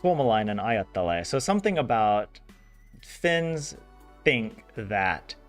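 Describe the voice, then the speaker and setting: Soft music plays as a man streams his language study, casually chatting and translating with lots of laughter and restarts. His lowish voice swings widely in pitch, and his pace is a little slow.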